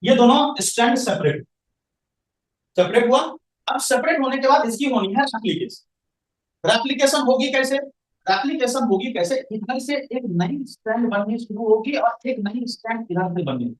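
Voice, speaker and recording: A man's voice: very high voice, lively intonation, moderate pace. A male science teacher lecturing a classroom, quizzing students and answering his own questions. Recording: echoey room, voice from far off the mic.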